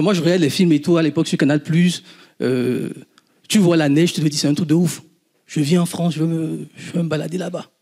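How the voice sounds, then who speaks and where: A man in his thirties from Benin with a Beninese accent, an entrepreneur talking casually to an audience and telling animated stories with laughs. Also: fairly high pitch. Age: 30s. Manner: animated storytelling, laughs often, swears casually. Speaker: guest entrepreneur.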